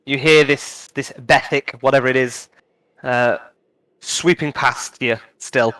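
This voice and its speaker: Guy running a tabletop game, smooth clear voice, lots of ums and restarts. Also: mid-range voice, fairly even intonation, fairly bright tone, rough recording. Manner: halting, many fillers and restarts. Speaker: game master.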